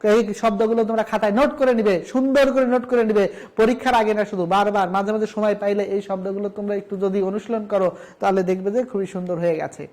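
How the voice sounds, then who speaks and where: A man's voice: high-pitched, fairly even intonation, quick pace, a little mellow. A man from Bangladesh, a college lecturer giving a recorded lesson, emphatic as he drills word lists and repeats his instructions.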